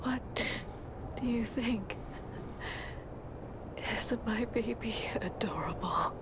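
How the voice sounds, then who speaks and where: A woman's voice: on the high side, slow, background noise. A woman playing a grieving, deluded woman who tenderly dotes on a puppet baby, in a fragile, half-whispered video game performance. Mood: tender gratitude.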